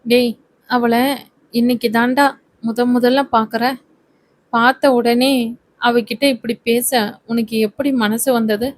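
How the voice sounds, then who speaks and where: A woman voicing a sharp-tongued young woman who scolds her reckless friend. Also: a little high, level tone, unhurried, long pauses, no echo, natural voice. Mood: scolding. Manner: scolding, sarcastic.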